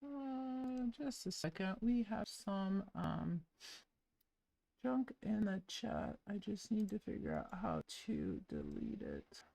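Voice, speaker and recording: In this dry recording, a woman codes live for the web, muttering through each step with a casual, wry edge. Her medium-pitched voice is mellow and creaky yet very animated, and she narrates herself slowly as she types.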